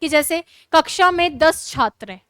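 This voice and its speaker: A woman teacher with a Rajasthani Hindi accent, giving a classroom lecture in a brisk, scolding way and urging students to write fast. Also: sits high, expressive, fairly bright tone, no echo.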